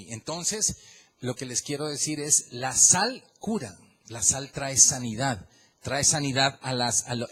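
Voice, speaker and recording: A man preaching a sermon in church, swinging from loud emphatic questions to quiet prayerful tones. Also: mid-range voice, slightly rough. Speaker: pastor.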